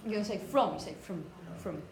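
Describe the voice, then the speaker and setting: Brisk and animated at a medium pitch, a woman lectures on phonetics, explaining example words, emphasizing them, and repeatedly asking students questions to check in. The setting is an indoor classroom, recorded with echo and background noise.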